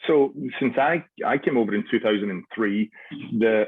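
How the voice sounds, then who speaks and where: A man's voice: on the low side, normal speed, husky, dry recording, narrow, tinny audio. A Scottish man in his forties, a soccer club director, answering radio interview questions with many restarts and fillers. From Scotland.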